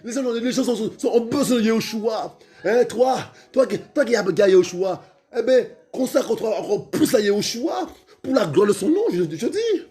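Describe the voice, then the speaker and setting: Fervent high-voiced male preacher. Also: expressive, normal speed. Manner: fervent, repetitive, calls out to listeners, stammers, shouts at times.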